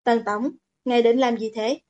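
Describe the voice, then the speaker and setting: A woman's voice: on the high side, fairly even intonation, normal speed, a little mellow, muffled recording, natural voice. A woman voicing a polite, deferential male assistant in an audiobook. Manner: respectful, brief.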